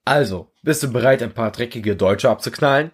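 A man's voice: medium pitch, fairly quick, husky, close to an everyday voice. A man voicing a cheerful, eager young soldier who talks in a chummy, upbeat way.

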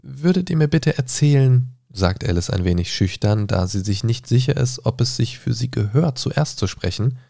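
A man reading a solo gamebook aloud on his podcast, pausing to mutter hesitant asides while leafing through pages. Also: lowish voice, fairly even intonation, gravelly, warm tone, no room sound, studio quality. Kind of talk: reading aloud and thinking out loud.

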